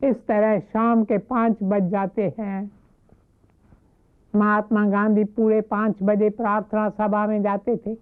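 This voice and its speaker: A woman giving a devotional talk, retelling a story in a measured, reverent way. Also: mid-range voice, little pitch movement, smooth, soft background music. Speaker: spiritual speaker. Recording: narrow phone-like lo-fi audio.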